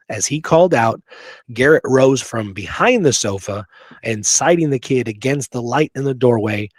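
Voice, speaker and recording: On a history talk show, a male co-host reads quoted passages and tosses in informal asides. He has a mid-range voice with a breathy edge, and there's no echo.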